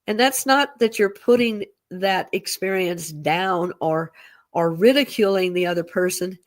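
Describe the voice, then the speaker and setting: A woman's voice: on the low side, measured pace. A woman co-hosting a casual chat, speaking reflectively and often repeating words as she gathers her thoughts. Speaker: co-host.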